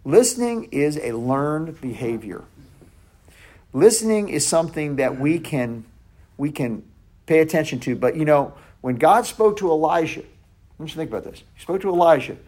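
A man teaches a Bible study in an easygoing, conversational way. He stumbles and corrects himself as he goes and sometimes drops to a near hush. His voice sits a little high for a man. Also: lively intonation, moderate pace.

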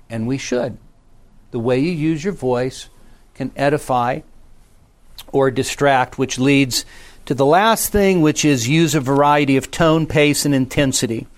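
A middle-aged man, a pastor, teaching a small class about preaching in a meeting room, talking conversationally and often checking in with the group. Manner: conversational, checks in with frequent "okay?" and "right?"; varies pitch and pace for emphasis.

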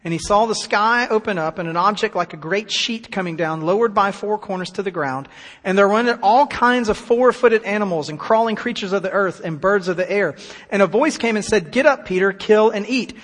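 A man preaching a sermon, reading scripture aloud and stopping to explain it with emphatic, slowed-down stresses. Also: high-pitched, a bit bright. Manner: emphatic, slows down on key words; reads scripture aloud then comments. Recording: long hall reverb.

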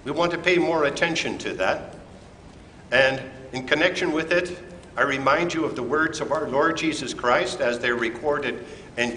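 A pastor giving a communion sermon in a church, preaching in a slow, deliberate and emphatic way. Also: male voice, mid-range voice, pushed and bright. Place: church sanctuary. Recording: echoey church hall with faint room noise.

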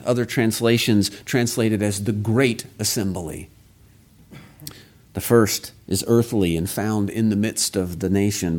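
A man preaching an expository sermon in a measured, earnest way, reading scripture and stressing key phrases. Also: on the low side, a little mellow.

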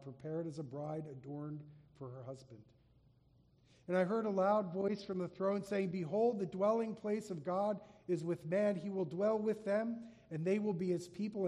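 A man preaches from the pulpit, reading scripture aloud and leaning into key lines with slow, swelling emphasis. His voice is mellow and sits a little high for a man. It carries through a large sanctuary with a long reverb tail. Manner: reads scripture aloud with rising emphasis, slowing for weight. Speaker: pastor.

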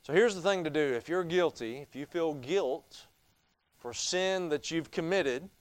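A man's voice: on the high side, unhurried, no echo. A man teaching a church Bible study, telling stories in a folksy way. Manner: folksy storytelling. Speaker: pastor.

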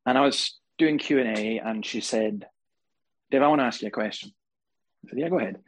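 A man preaching a sermon to a congregation, telling stories with humor and animated emphasis. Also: mid-range voice, fairly quick, low-quality recording. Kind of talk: sermon with storytelling. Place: church hall before a live congregation.

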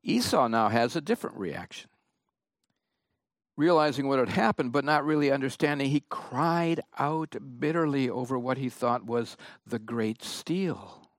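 A man preaching a sermon, reading and explaining scripture in a slow, emphatic way. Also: mid-range voice, dry recording, clean studio sound. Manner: slow, emphatic Bible exposition.

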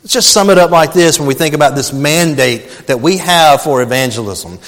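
A man's voice: on the high side, animated, fairly quick, fairly bright tone, big-room sound. A male pastor preaching a sermon, telling a personal story earnestly and calling his listeners beloved.

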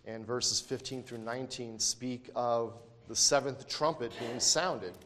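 A man's voice: mid-range voice, measured pace, fairly bright tone, in a large hall. A man teaching a Bible lesson, reading verses aloud and explaining them with emphatic repetition and frequent self-corrections. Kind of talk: scripture lesson.

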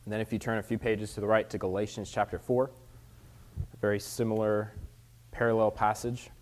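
A man with a fairly low voice speaks as a preacher. His delivery is measured and earnest, moving through scripture and teaching in a sermon style. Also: level tone, a little mellow. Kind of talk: sermon with scripture reading and prayer.

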